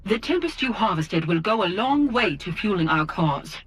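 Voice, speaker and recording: A woman playing a resolute military faction officer in a video game briefing, with a husky voice. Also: medium pitch, big pitch swings, normal speed. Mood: commanding, approving.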